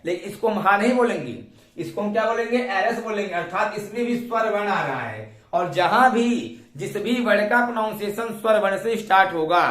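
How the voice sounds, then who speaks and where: A man's voice: sits high, a bit bright, echoey room, recorded from a distance. A man from India teaching an English grammar lesson, who often asks a question and then answers it himself. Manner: repeats questions to students.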